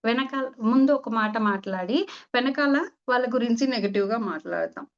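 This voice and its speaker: A woman with a somewhat high voice leads a spiritual talk as a meditation teacher. She speaks conversationally and slips into short acted exchanges. The recording sounds dull and lo-fi. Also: a little fast. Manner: conversational, acts out little dialogues.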